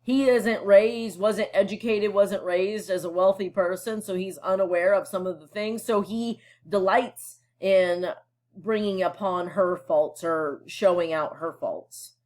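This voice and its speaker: A woman teacher reading a novel aloud and explaining it to students in a casual, conversational way, often checking in with them. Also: mid-range voice. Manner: casual and explanatory, with frequent fillers and check-ins.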